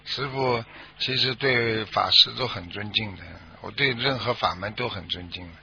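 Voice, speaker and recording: A man's voice: on the low side, moderate pace, gravelly, bright, forceful tone, slight background noise. A man hosting a radio call-in show, lecturing and checking that listeners understand. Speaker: radio call-in host and religious teacher. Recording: lo-fi radio broadcast.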